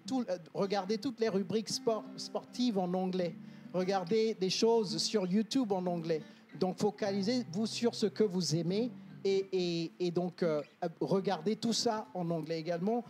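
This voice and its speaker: A man's voice: high voice, darkish tone. A man, an English coach explaining confidently on a talk show, with many hesitations. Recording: TV studio with music playing behind.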